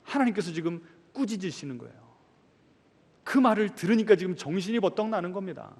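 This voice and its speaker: A male pastor preaching a sermon, asking the congregation questions and answering them himself, swinging between loud emphasis and soft asides. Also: high-pitched, lively intonation, a little fast, slightly rough. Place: large church sanctuary. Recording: long reverb of a large church hall.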